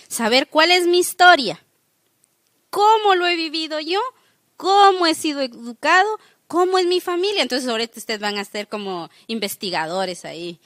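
A woman teaching a faith formation class in an animated way, often checking in with her listeners. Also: high voice, no echo, studio quality.

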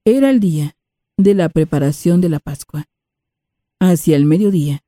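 A woman reading scripture in a slow, measured way. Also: sits low, warm tone, dry recording, studio quality. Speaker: scripture reader.

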